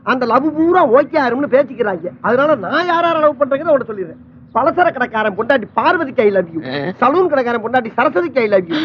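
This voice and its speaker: A high-voiced mocking comic man. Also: slight background noise. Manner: mocking, exaggerated comic delivery. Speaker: comic sidekick character. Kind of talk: film comedy acting. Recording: dull film soundtrack over music.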